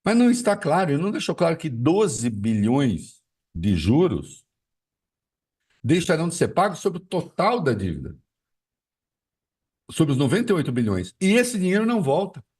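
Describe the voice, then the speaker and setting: A male political commentator talking on a live show, arguing his point with rhetorical questions and plenty of fillers. His pitch swings widely, and he sounds a little far from the mic. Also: sing-song, moderate pace, long pauses, a little mellow, breathy edge.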